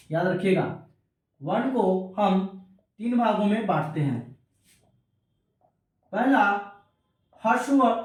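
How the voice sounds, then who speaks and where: A man teaching an exam-prep grammar lesson, repeating key terms slowly and calling his students children. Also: high voice. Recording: very echoey room, distant from mic.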